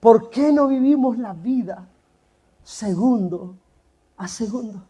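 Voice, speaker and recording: A man's voice: extremely high pitch, animated, slow pace, warm tone, slightly rough, full character voice. Preacher doing a little son begging his dad, worried, asks and asks. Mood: pleading. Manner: pleading questions. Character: young son, pleading and worried.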